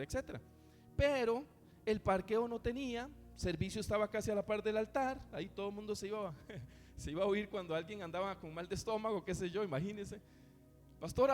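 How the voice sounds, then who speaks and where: A middle-aged Costa Rican pastor with a notably high voice preaches a chatty sermon, turning often to his congregation with questions. His voice rings through a church hall with a long reverb, with faint music underneath. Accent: Costa Rican Spanish.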